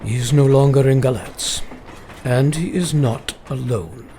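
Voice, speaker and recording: A man's voice: mid-range voice, unhurried, warm tone, a little hiss or hum, close to an everyday voice. A man in a radio play acting a grave, courteous older professor who leads vampire hunters, speaking formally in old-fashioned phrases. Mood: solemn warning.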